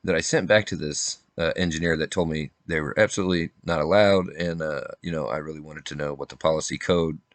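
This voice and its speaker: A man with a low voice, recorded dry with no room sound. He talks informally and earnestly, rambling along in a casual way. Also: fairly even intonation, a little fast, hardly any pauses, no room sound. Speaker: individual drone operator and video maker.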